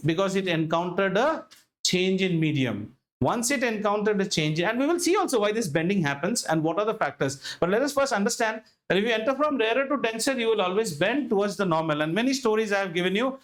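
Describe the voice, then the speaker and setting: A man with an Indian accent teaching a school lesson, animated and emphatic, often repeating himself and asking rhetorical questions. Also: sits high. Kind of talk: interactive classroom lesson.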